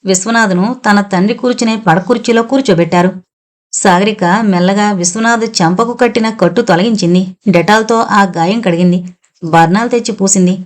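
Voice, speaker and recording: A woman narrating a novel in a steady storytelling manner, as an audio novel reader. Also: mid-range voice.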